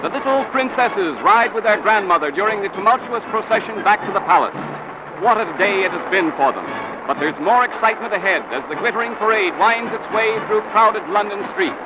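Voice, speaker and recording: High-voiced man in old newsreel narration. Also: animated, a little fast, background noise. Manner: grand, declamatory. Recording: old newsreel soundtrack with loud music.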